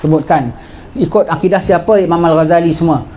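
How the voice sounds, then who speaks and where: A middle-aged man giving a religious lecture, telling history in a lively way and asking and answering his own questions. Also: on the high side, a little fast, slight background noise.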